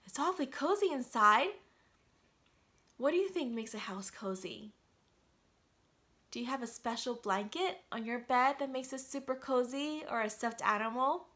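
This thirtysomething woman, voice on the high side and pace moderate, reads a picture book interactively. She talks straight to the young child, animated and full of questions, from a small quiet room in her home.

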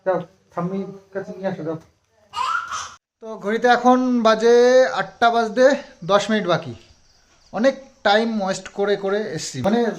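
A woman's voice: on the low side, a little mellow. A woman from West Bengal chatting casually to camera at home for a family vlog, rambling with lots of fillers, tired after a long ride. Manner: fond and teasing when talking to a child. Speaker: family vlogger.

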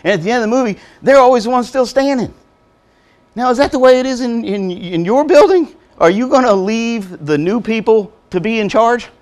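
A man giving a lively, joking motivational talk to nursing assistants, acting out quotes as he goes. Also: very high voice, brisk. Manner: animated, joking, acts out quotes. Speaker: motivational speaker. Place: college hall before an audience.

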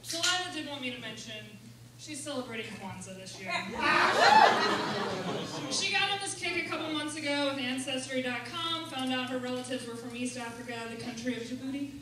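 A woman's voice: high voice, a little fast. A young woman hosting a live stage show, projecting to the audience in a teasing, playful, bossy way. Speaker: burlesque show host. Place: small theatre stage, indoors. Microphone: handheld stage microphone over PA, filmed from audience. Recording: echoey hall from far off, loud crowd noise.

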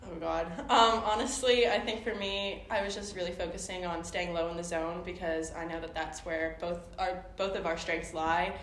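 A young woman softball pitcher answering at a press conference, nervous and self-conscious. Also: steady tone, normal speed, hardly any pauses. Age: young adult. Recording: echoey room, faint noise.

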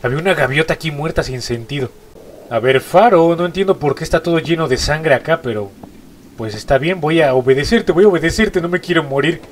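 A man's voice: on the high side, brisk, slight background noise. A man with a Mexican accent, stuffy-nosed from a cold, giving jumpy horror gameplay commentary and repeating short exclamations. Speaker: gaming YouTuber.

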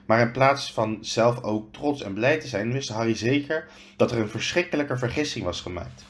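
A man, a teacher, reading a storybook aloud slowly and deliberately, with dramatic pauses. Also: mid-range voice.

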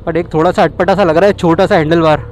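Motovlogger speaking over road noise. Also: male voice, fairly high pitch, fast, poor audio. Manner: chatty, excited, mixes English into Hindi. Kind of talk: casual riding commentary. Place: outdoors on a moving motorcycle on city roads. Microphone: action camera with external mic on a helmet. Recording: wind and traffic noise. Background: engine, wind and traffic.

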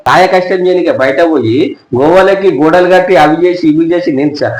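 Fast, high-voiced quarrelsome man. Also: reverberant, low-quality recording. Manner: accusing, quarrelsome, jealous shouting. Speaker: husband in comedy skit. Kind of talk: Telangana Telugu comedy skit acting.

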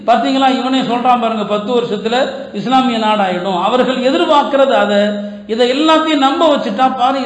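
A man's voice: extremely high pitch, echoey room, low-quality recording. A man preaching an impassioned sermon who keeps asking his listeners rhetorical questions. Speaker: Islamic preacher. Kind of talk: Tamil sermon.

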